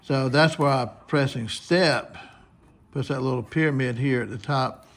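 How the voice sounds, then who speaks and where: Speaking unhurriedly at medium pitch, a shortwave radio hobbyist host from the United States walks through an unscripted, casual tutorial one step at a time. Radio static and hiss are clearly audible.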